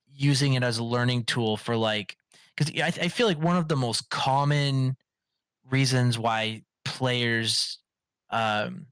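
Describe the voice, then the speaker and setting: A man's voice: mid-range voice, fairly bright tone, smooth, no room sound. A man hosting a casual gaming podcast, rambling with many fillers and restarts. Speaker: podcast host.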